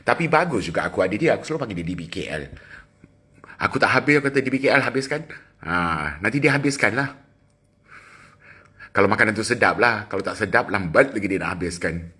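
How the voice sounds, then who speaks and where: A middle-aged man with a Malaysian accent, chatting casually with viewers on a phone livestream, teasing and quick with asides. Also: lowish voice, animated, pushed and bright, breathy edge. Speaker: livestream host. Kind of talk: casual live chat with viewers.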